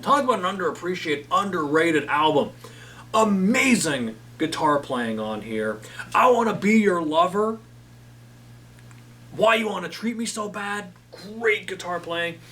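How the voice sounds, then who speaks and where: A man's voice: fairly high pitch, pushed and bright, recorded from a distance. A man hosting a casual talk about old albums, enthusiastic and rambling with lots of fillers. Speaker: host.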